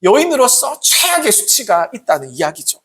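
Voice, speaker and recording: Earnest preacher with a husky, lively voice. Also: medium pitch, moderate pace. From South Korea. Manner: earnest, pleading, many rhetorical questions. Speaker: Salvation Army officer, pastor. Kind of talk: sermon.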